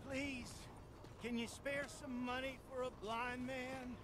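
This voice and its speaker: A whining fake blind beggar. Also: male voice, very high-pitched, level tone, takes it slowly, background noise. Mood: pleading. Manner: pleading, then sullen and defensive. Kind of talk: video game dialogue. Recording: game audio with outdoor ambience.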